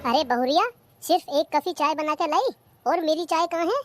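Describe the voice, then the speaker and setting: A bossy older mother-in-law who scolds and taunts nonstop, as a woman voices her in a comic cartoon. Her voice sits very high and sounds dry and close, with no room around it. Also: normal speed, no echo, faint music behind, lightly acted. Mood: taunting.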